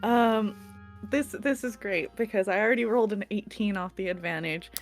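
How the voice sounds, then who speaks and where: Woman player chatting at a tabletop game, medium pitch, music going behind her. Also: normal speed. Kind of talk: casual game-table chat. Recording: background music under the voice.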